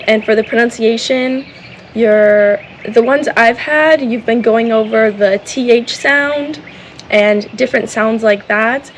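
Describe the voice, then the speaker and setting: Talking casually to camera in her vlog, a woman who is a native English speaker sounds upbeat and enthusiastic about a volunteer program, repeating "awesome." Her voice is a little high and slow, with a little hiss or hum in the audio.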